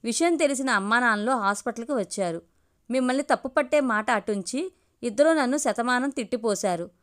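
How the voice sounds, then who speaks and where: A woman reading a first-person story aloud in a steady, intimate way. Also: on the high side, brisk. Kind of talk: scripted story narration.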